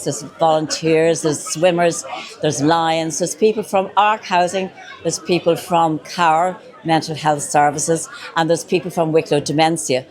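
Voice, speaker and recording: A woman, an event organiser giving an interview on location outdoors. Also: low voice. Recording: outdoors with busy crowd behind.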